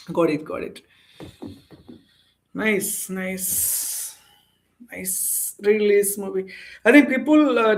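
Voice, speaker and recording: A young man from India with an Indian English accent, chatting casually with viewers as an English-speaking coach on a live stream and reading their comments aloud. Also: sits high.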